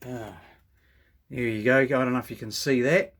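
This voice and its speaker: A hobbyist radio reviewer with a New Zealand accent sits at his home workbench indoors, giving a relaxed, hands-on show and tell. His mid-range voice is steady and fairly bright, moving at a normal speed as he rambles and thinks aloud.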